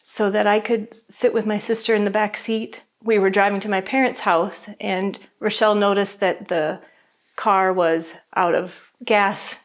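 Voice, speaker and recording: A middle-aged woman giving documentary interview testimony as a bereaved mother, speaking softly and reflectively with halting pauses. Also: mid-range voice, steady tone. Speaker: bereaved mother telling her story.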